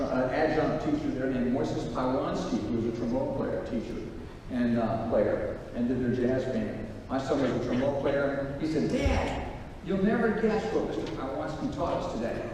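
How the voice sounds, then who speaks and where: Band clinician, middle-aged man, counts off and coaches; roomy distant sound with audible room noise. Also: mid-range voice. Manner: counts off the band and gives instructions in a lively, coaching way. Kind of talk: conducting a band rehearsal clinic. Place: school band room or hall. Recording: echoey hall picked up from far off.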